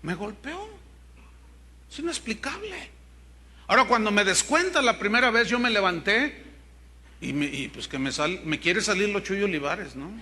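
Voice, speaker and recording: A man's voice: sits high, lively intonation, moderate pace, sharp tone, a little hiss or hum. An older man from Mexico with a Mexican accent, a pastor preaching a sermon and telling stories with humor to his congregation. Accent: Mexican Spanish. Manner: storytelling preacher, jokes with the congregation.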